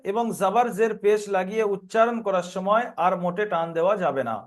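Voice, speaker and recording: A man teaching a Quran reading lesson, patiently spelling out letters and repeating the rules in a steady chant. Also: sits high, fast. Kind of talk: recorded online lesson.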